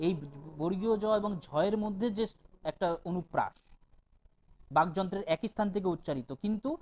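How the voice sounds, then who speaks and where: A male teacher giving an exam-prep lecture, patiently explaining and repeating definitions slowly, demonstrating pronunciation and reciting poem lines aloud. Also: sits high, slight background noise, poor audio.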